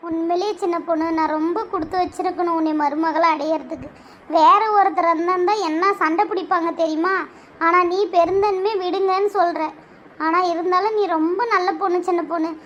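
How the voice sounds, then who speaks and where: Woman doing a bossy sly mother-in-law, very high voice, coaxing and scheming. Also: fairly even intonation, fairly quick, fairly bright tone, muffled recording, slight background noise. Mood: flattering.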